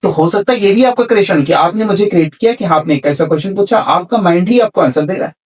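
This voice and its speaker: A man's voice: high-pitched, normal speed, a little mellow, recorded from a distance. A man on a podcast explaining spiritual ideas in a conversation, repeating key words and mixing in English terms. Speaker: spiritual speaker.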